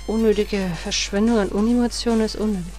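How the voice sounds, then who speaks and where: A let's player in her thirties gives casual gameplay commentary in a mid-range, steady, darkish voice, talking fast. She chats, reminisces and swears at the game while faint game music plays.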